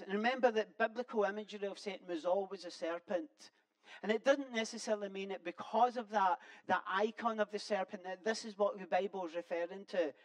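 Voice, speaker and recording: Halting, earnest conversational preacher. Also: medium pitch, poor audio. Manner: halting, with frequent repeated restarts. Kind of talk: sermon.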